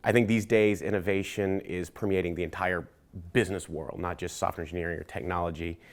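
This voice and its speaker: A middle-aged man, a company CEO, speaking in a relaxed, grateful award testimonial. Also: sits low, brisk.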